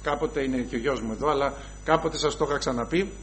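Male priest, deep voice, slow emphatic sermon delivery full of rhetorical questions. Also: slight background noise, rough recording.

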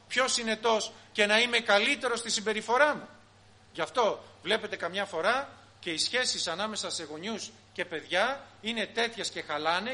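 A man preaching a sermon to his congregation, asking rhetorical questions and briefly acting out the people he quotes. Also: sits high. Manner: animated, rhetorical questions, acts out quoted voices.

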